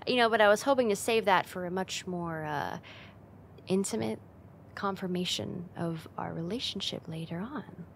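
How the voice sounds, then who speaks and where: Playing a playful, affectionate roommate, a young actress speaks in a gravelly, mid-pitched voice at an unhurried pace for ASMR roleplay. She's teasing and giggly, coaxing slowly and intimately, picked up by a close mic with some background noise.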